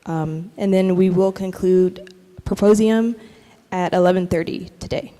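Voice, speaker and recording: A woman's voice: fairly low pitch, steady tone, unhurried, warm tone. Woman organizer reading out the schedule, plain and orderly, reverberant hall. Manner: plain and orderly, with a few fillers. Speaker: event organizer. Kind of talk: schedule announcement.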